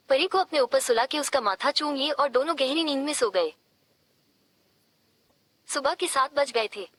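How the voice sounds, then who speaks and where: High-voiced woman audiobook narrator. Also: fairly bright tone. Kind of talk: scripted narration of a romance novel.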